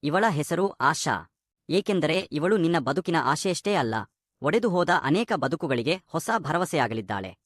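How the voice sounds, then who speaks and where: A man's voice: a little high, animated, moderate pace, a bit bright, dry recording, clean studio sound. A man reading as an old kind chairman. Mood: tender. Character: elderly wealthy male company chairman, calm and kind.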